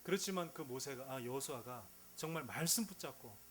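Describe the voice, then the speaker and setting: A man preaches a sermon in a conversational, joking manner, often asking rhetorical questions. His pitch moves up and down in a lively way, and a faint hum runs underneath. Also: fairly quick, rough recording. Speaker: pastor.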